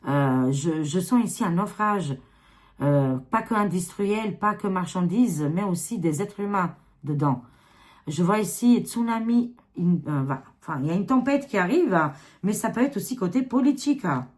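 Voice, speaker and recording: A tired-sounding woman with an Albanian accent reads tarot cards to camera, her voice on the low side, expressive and a little mellow at a moderate pace. She rambles casually, dropping lots of fillers and repeating "hein."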